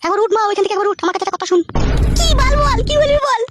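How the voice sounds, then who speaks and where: A woman voicing village women in a comedy cartoon, shrill, scolding and lamenting. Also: expressive, rapid-fire, very noisy.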